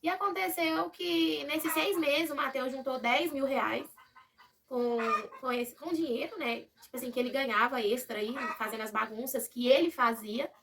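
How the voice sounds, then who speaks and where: A Brazilian woman telling a personal story to her viewers in a casual, animated way, acting out what others said. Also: high-pitched, moderate pace, vocal fry, recorded from a distance.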